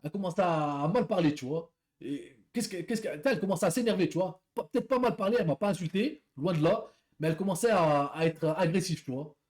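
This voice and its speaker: A man's voice: high-pitched, brisk, hardly any pauses, darkish tone. A man who works as a delivery rider, telling a story in a casual, rambling way, repeating words and talking to viewers as friends.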